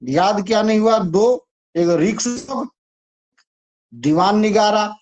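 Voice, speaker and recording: A man's voice: high voice, takes it slowly, a little mellow. A man teaching an exam-prep lesson, chatty and repetitive as he coaxes students through memory tricks. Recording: dull lo-fi sound.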